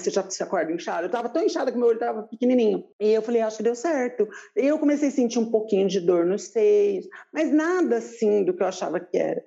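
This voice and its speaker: Woman guest, personal storytelling; gravelly, warm-toned, animated delivery with voiced-out quotes; dull lo-fi recording. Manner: animated, acts out quoted voices with big pitch jumps. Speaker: guest telling her life story. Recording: dull lo-fi sound.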